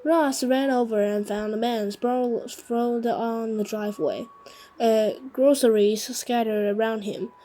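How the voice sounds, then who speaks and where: A woman's voice: a little high, fairly even intonation, warm tone, a little hiss or hum, low-quality recording. A woman reading a children's novel aloud, stumbling and restarting on harder words. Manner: slow, halting reading with frequent restarts on hard words. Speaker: reader.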